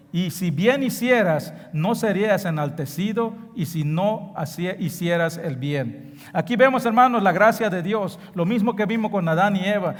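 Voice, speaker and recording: A man's voice: fairly high pitch, big-room sound. A man preaching a sermon with passion, stressing key phrases and sometimes repeating a word as he searches for the next. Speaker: pastor. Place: church sanctuary.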